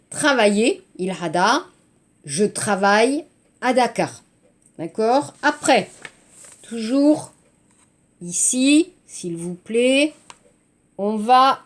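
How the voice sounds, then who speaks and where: A woman teaching to Korean learners, slow and clear, often checking in with "hein" and "d'accord". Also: on the high side. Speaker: French teacher. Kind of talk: language lesson for Korean learners.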